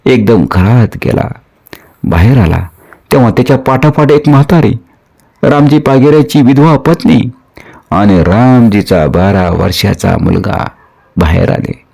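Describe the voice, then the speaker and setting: A man narrating a historical story in an expressive, dramatic manner. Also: medium pitch, measured pace, creaky.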